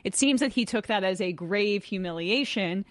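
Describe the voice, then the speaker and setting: A woman co-hosting, giving animated casual commentary on a video clip. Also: mid-range voice, moderate pace, no echo. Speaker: co-host.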